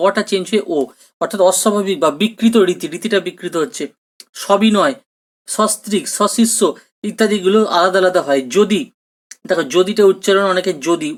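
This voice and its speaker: A teacher gives a recorded exam-prep grammar lesson, explaining patiently, repeating each question and often checking in with students. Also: medium pitch. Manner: mixes English terms into speech.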